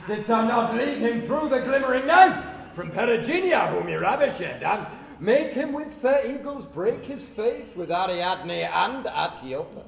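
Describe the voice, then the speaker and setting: A proud, jealous fairy king in hammy Shakespearean stage manner. The voice is high and slow, goading and haughty. It comes from a distant mic with noticeable noise. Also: expressive, heavily acted. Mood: accusing. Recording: roomy far-off stage recording, clear noise.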